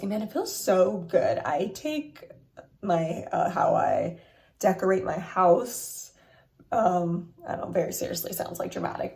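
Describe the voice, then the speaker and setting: A woman's voice: mid-range voice, vocal fry, darkish tone. A woman hosting her own vlog, chatting animatedly and laughing at her own jokes while telling stories from her desk at home. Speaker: vlogger host. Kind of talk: casual vlog chat.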